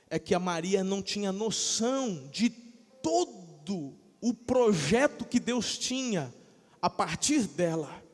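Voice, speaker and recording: High-voiced pastor preaching in a reverberant church. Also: male voice. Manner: animated preaching, swinging from soft asides to loud shouted peaks. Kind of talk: sermon. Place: church sanctuary. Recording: long church-hall reverb.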